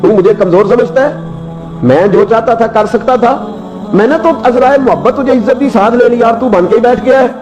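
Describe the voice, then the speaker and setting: A man's voice: high voice, expressive, normal speed, muffled recording, music in the background. A male preacher voicing a proud, angry male lion king in a parable, speaking indignantly and giving commands. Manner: indignant, demanding.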